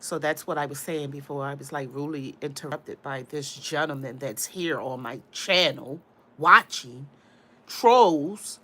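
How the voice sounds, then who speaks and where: Sitting low and fairly bright in tone, this woman's voice moves unhurriedly. She has a cold that leaves her congested, and she rambles in casual conversation with her livestream viewers, addressing them directly.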